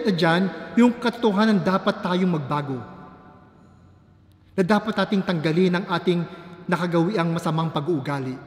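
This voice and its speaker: A high-voiced male priest delivers a measured homily, stressing his main points one by one. The voice rings through a large church with a long, roomy reverb. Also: darkish tone. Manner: deliberate, emphatic preaching. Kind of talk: sermon. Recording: echoey church hall.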